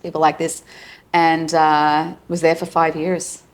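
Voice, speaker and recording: Low-voiced Australian woman telling her story. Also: a little slow. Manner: candid, animated storyteller. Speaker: guest, psychologist. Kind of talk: personal storytelling in conversation.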